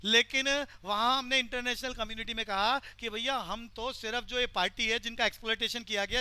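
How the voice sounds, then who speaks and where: A male teacher lecturing a class and pressing the students for quick answers. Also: high-pitched, sharp tone, clean tone, no echo.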